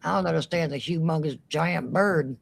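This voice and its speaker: A woman co-hosting a casual live stream, reading out chat messages and tossing in quick exclamations and jokes. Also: sits low, vocal fry. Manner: chatty, quick to exclaim, jokey asides.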